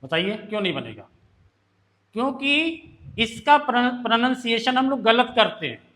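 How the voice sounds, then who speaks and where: High-voiced shorthand teacher. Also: male voice, big pitch swings, normal speed, bright, forceful tone. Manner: explains step by step, asks students questions. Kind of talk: classroom lesson.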